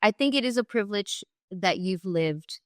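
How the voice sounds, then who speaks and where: A woman's voice: medium pitch, lively intonation, moderate pace, dry recording, clean studio sound. A woman hosting a podcast interview, encouraging her guest to share a story. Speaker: podcast host. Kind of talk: interview conversation.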